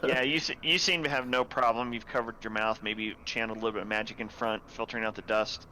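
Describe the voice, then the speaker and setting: A man's voice: mid-range voice, steady tone, fast talker, sharp tone, slight background noise, low-quality recording. Laid-back young man running the game. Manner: laid-back, hesitant with many fillers and chuckles. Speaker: dungeon master. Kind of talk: narrating a tabletop game.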